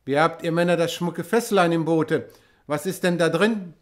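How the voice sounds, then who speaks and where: A man's voice: fairly high pitch, moderate pace, natural voice. An earnest, devout abbot in his fifties, as an audiobook reader puts him on, pressing his questions in a slightly raised voice. He speaks with clerical authority that tips into urgency. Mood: probing. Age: 50s. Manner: questioning, then urgent and excited. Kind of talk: audiobook reading.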